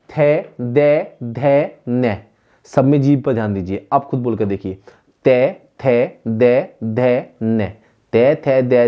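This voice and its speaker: A male teacher giving a classroom lecture, sounding out syllables slowly and asking the class again and again if they follow. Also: mid-range voice, muffled recording. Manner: drills sounds slowly and repeats questions to students. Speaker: Hindi teacher.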